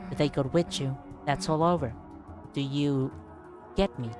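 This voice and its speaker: A performer plays an earnest, fiercely possessive protector from a comedic story game. The delivery is indignant and pleading with oddly garbled phrases, at a middling pitch over music. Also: fairly even intonation, unhurried, natural voice.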